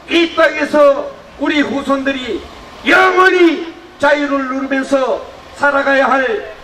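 A man giving a fiery political speech to an outdoor rally, calling out rhetorical questions to the crowd and rising to shouts. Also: very high-pitched. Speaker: rally speaker. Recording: echoey, distant outdoor PA recording with noise.

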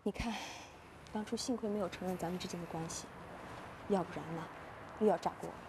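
A woman's voice: on the low side, fast talker, background noise, close to an everyday voice. An actress playing a torn young woman in a secret affair who speaks anxiously in a TV drama. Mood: uneasy. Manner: anxious, pleading. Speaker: stepsister and lover. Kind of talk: TV drama acting.

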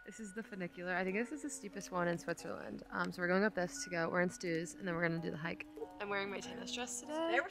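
A woman's voice: on the low side, fast, a bit bright. A young woman chatting in a casual, upbeat travel vlog, gushing about what she shows. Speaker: travel vlogger. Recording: vlog with music playing underneath.

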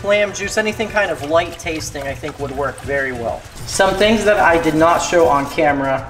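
A young man with a fairly high-pitched voice hosts his own fishing and cooking channel, walking viewers through each step of rigging and cooking in a casual, instructive way. The sound is reverberant, and the video moves between a home kitchen and a boat deck.

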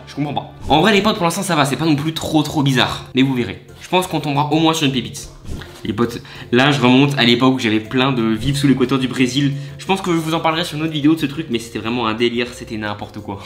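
A man's voice: medium pitch, fairly bright tone, soft background music. A young man chatting casually and laughing as he reacts to fans' voice messages. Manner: chatty, laughs often, quick asides. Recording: roomy echo.

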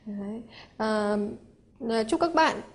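A woman's voice: on the high side, animated, takes it slowly. A woman with a Hanoi accent teaching English prepositions for an exam, explaining step by step and often asking if her students follow. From Vietnam. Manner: explains step by step, asks rhetorical checks. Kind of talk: exam-prep grammar lesson.

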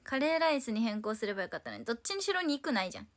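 Lively young woman chatting playfully. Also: on the high side, racing. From Tokyo, Japan. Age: 20s. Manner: playful, chatty, answering viewer comments. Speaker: idol livestream host. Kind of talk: casual solo livestream chat.

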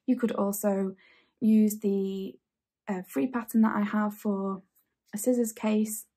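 A warm, medium-pitched female voice with fairly even intonation speaks slowly in this casual sewing tutorial. The host, a woman in her thirties from England, chats enthusiastically from her home sewing room and repeats phrases.

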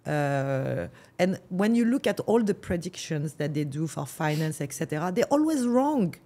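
A woman's voice: low voice, moderate pace, mellow. French-accented woman, hesitant broker. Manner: hesitant, many fillers and restarts. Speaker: real estate agent. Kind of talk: casual interview.

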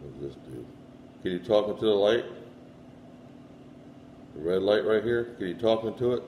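A middle-aged man hosts a paranormal investigation show, speaking off the cuff and asking questions aloud to unseen spirits in a bare room. His low-ish, mellow voice is animated and moves at a moderate pace. The room echoes, with a light hum in the background.

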